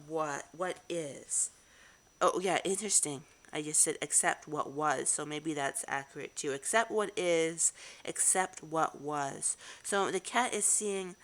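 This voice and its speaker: A woman giving a casual tarot reading to camera, musing aloud with halting restarts. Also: on the low side, fairly bright tone. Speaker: tarot reader.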